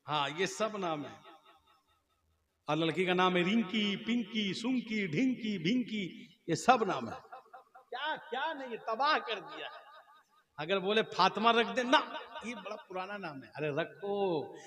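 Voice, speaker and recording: High, bright-voiced male preacher. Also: unhurried. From Kolkata, India. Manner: animated storytelling, acts out characters, rising to emphatic climaxes. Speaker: Islamic preacher. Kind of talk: humorous religious speech at a gathering.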